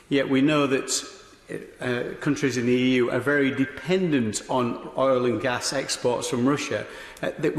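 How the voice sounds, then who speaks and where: A man speaks formally in parliament at a medium pitch. He is courteous but halting as he frames a question. The sound is echoey, with the long reverb of a big chamber. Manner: halting, polite. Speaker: member of parliament making an intervention. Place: large debating chamber.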